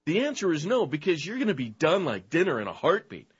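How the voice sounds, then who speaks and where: A man's voice: on the high side, wildly swooping pitch, fairly quick, breathy edge. A man hosting a talk show, ranting in combative commentary, mocking and name-calling his targets. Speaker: show host. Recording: dull lo-fi recording.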